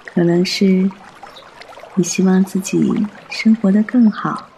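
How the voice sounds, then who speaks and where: Soft, slow, high-voiced male meditation guide. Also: creaky, a little hiss or hum, rough recording. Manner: soft, soothing, unhurried delivery.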